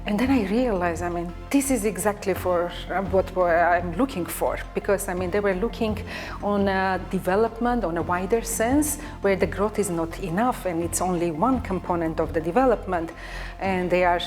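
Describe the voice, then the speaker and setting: Woman in her 50s, lowish voice, keeps saying i mean, faint music behind. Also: normal speed, darkish tone. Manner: explanatory, repeats "I mean". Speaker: diplomat. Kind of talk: interview answer.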